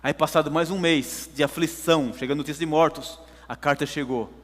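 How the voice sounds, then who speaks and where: A man's voice: fairly high pitch, steady tone, fairly quick, big-room sound. A man preaching a sermon, telling a story emphatically to his congregation. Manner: emphatic storytelling, addresses listeners as brothers.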